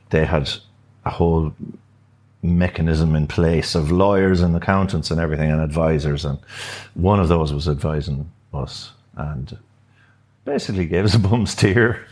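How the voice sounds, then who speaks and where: A man's voice: extremely low pitch, a little mellow. An older man with a west of Ireland accent, telling anecdotes in a casual, hesitant way as an interview guest. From Sligo, Ireland. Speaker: musician, podcast guest. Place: furnished upstairs room in a venue.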